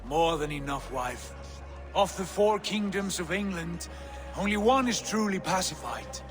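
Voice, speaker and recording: A proud Viking prince, pitched high and declaiming with formal authority. His voice rings in a long hall reverb with faint music behind it. He sounds fiery and born to lead a clan. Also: lively intonation, a little slow. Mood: resolute. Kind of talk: dramatic video game cutscene oratory.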